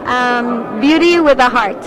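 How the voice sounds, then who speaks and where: A woman's voice: fairly high pitch, slow pace. A middle-aged woman from the Philippines, answering casually as an interviewed event guest. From Cebu, Philippines. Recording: loud crowd and heavy outdoor noise.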